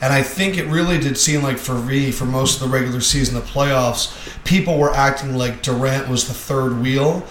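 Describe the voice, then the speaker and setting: A man's voice: mid-range voice, moderate pace, fairly bright tone. A man hosting a sports podcast in a casual, upbeat, wisecracking way, his voice echoing as if recorded in a cave. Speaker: podcast host. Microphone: podcast microphone. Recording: echoey cave-like room sound with faint background hum.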